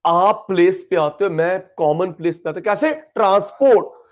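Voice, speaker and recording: A man's voice: sits high, normal speed. A man teaching an economics class, chatty and repetitive, calling students by name. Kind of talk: classroom lecture.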